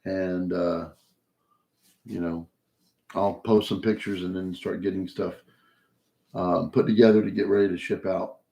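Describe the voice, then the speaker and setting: A man with a low, gravelly voice hosts a live card-opening stream. He talks loosely with plenty of fillers, and his voice is worn thin after hours on air. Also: fairly even intonation, a little slow, pauses often, mellow, slight background noise. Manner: casual, rambling, many fillers. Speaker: card break host.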